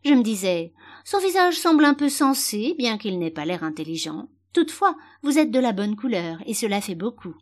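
A woman's voice: mid-range voice, sing-song, normal speed, close to an everyday voice. A woman voicing a prim, critical talking rose that speaks condescendingly and severely.

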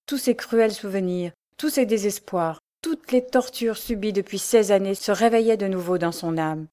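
A woman narrates a classic novel with a steady, expressive storytelling manner. Her voice has a mellow, warm color at a medium pitch. She reads with quiet control. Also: normal speed. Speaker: audiobook narrator.

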